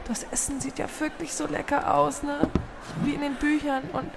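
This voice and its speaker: Teasing woman cohost, slightly high voice, noisy room behind, comedy skit. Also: flat delivery, normal speed, gravelly. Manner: playful and teasing. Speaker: co-host. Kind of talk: comedy audio-drama skit.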